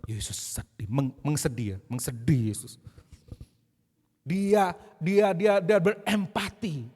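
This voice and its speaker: A man preaching a sermon in a lively way, asking the congregation questions and acting out short asides. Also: on the high side. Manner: animated preaching with rhetorical questions and acted asides. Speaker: pastor. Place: church service hall. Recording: church hall with long reverb.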